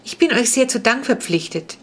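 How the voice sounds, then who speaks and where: Storybook role: woman voicing a courtly, formal vampire boy with noble manners, pitched a bit higher. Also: lively intonation, normal speed, a bit bright. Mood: polite. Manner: formal, courtly, old-fashioned phrasing. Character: polite half-vampire boy, old-fashioned noble. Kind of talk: audiobook reading.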